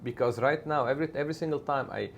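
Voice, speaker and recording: A middle-aged media executive whose first language is Arabic answers interview questions emphatically, often tacking "right?" onto his points. His mid-range voice is gravelly and racing, with slight background noise.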